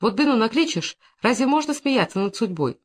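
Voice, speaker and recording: Brief: reader plays anxious young village woman, loving, quick to fear. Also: on the high side, animated, pitched above the performer's own voice. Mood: earnest. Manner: pleading, tearful, then frightened.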